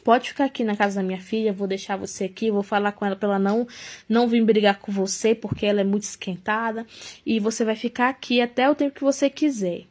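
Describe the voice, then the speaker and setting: A woman quoting a stern older woman who scolds in sharp, quick questions. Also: medium pitch, steady tone, natural voice. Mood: softened.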